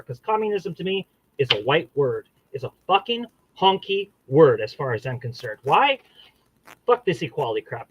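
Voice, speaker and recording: A man's voice: sits high, husky, dry recording, highs cut off. A man hosting his own channel, giving a combative, profane solo monologue that rambles and restarts mid-sentence. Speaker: channel host.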